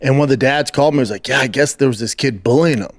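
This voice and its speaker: Podcast co-host, man, mid-pitched, crude storyteller who plays every part himself. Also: very fast, dry recording, studio quality. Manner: profane storyteller acting out both sides of exchanges. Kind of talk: casual comedic chat.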